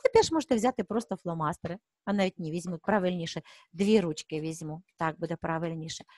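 A woman's voice: lowish voice, fast talker, a little mellow, no echo, studio quality. A middle-aged woman teaching an early-reading lesson to young children, coaxing them along and stretching out words so they can hear the sounds. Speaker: preschool teacher.

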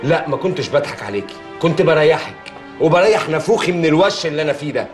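An actor playing a stressed Egyptian husband who speaks defensively with an Egyptian accent. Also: male voice, a little high, sing-song, fast, faint music behind. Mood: irritable. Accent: Egyptian Arabic. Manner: irritable, defensive.

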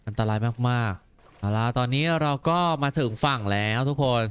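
A man commenting on a game as he plays, exclaiming and repeating words in quick excited bursts. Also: mid-range voice, clear, resonant tone. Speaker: gameplay commentator. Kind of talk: let's play commentary.

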